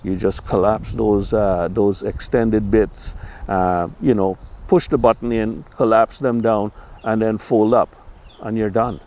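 An older man casually reviewing a camping chair outdoors by a lake on a lapel mic, talking in a relaxed, rambling way with lots of fillers. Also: lowish voice, a little slow, slight background noise. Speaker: gear reviewer.

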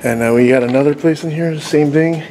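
A man's voice: fairly high pitch, brisk, a little mellow. A middle-aged man chatting casually and informally as host of a night exploration vlog, with a joking streak. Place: dark abandoned building and outdoors at night. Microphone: handheld camera at arm's length. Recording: noisy handheld camera audio on location.

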